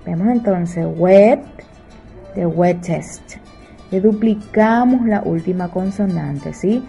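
Slow, mellow woman teaching English. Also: fairly low pitch, creaky, husky, faint music behind, poor audio. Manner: checks in with frequent "¿sí?"; slow English examples, quicker Spanish explanations. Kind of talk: bilingual grammar lesson.

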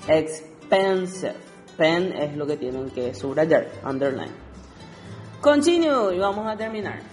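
A woman teaching English to Spanish speakers, explaining exercises and reading each word slowly twice. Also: low-pitched, animated, darkish tone, reverberant, long reverb tail, soft background music. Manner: switches between Spanish and English, reads words slowly twice. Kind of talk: recorded lesson explaining exercises.

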